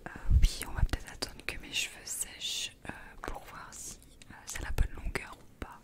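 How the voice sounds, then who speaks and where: A young woman whispering as a salon client in a role-play, soft and easygoing, close to a microphone in a small room at home. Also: normal speed. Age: young adult. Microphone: large mic close in front.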